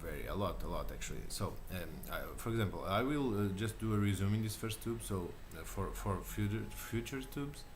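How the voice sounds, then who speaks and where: A deep-voiced man in his thirties speaks English with a Portuguese accent, hesitant and full of fillers and restarts. He talks casually to his camera at home, with a clear hiss of background noise. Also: animated, a little fast, hardly any pauses. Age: 30s. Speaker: channel host. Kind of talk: casual self-recorded talk. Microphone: camera mic.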